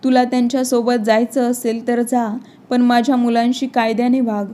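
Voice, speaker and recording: A woman's voice: on the high side, little pitch movement, normal speed, warm tone, lightly acted. A woman reading a scornful, angry young wife. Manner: contemptuous. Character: scornful modern wife, quick to anger.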